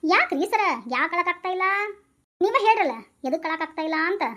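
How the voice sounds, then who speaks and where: A woman's voice: extremely high pitch, animated, brisk, sharp tone, exaggerated voice. A woman playing a chatty, dim-witted male police constable in a comic skit, deferential to his boss, with a North Karnataka Kannada accent.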